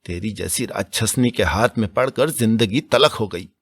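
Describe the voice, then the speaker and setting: A man voicing an angry young village man, ranting resentfully and fast. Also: fairly low pitch, a bit bright, dry recording. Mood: bitter.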